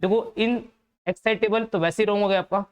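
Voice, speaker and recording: A man's voice: sits high, fairly even intonation, normal speed, clear, resonant tone. A man with a Hindi accent teaching an English vocabulary lesson for exams, patiently explaining and repeating each word's meaning.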